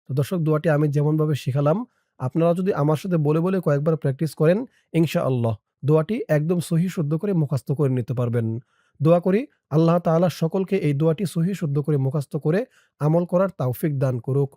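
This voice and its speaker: A man with a Bangladeshi accent teaching an Arabic prayer syllable by syllable, chanting the Arabic slowly and drawn out, then explaining quickly in between. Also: fairly high pitch, dark tone, no room sound, studio quality.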